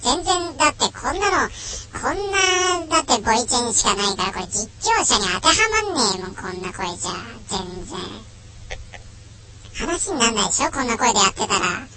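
A man's voice: high-pitched, big pitch swings, brisk, background noise. A man talking casually through a voice changer while reading comments, grumbling and mocking himself. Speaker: streamer reading viewer comments. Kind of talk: casual chat.

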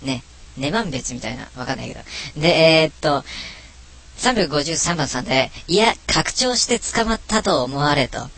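A man's voice: on the high side, big pitch swings, moderate pace, gravelly, bright, forceful tone. A man talking casually through a voice changer while reading comments, grumbling and mocking himself. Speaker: streamer reading viewer comments. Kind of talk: casual chat.

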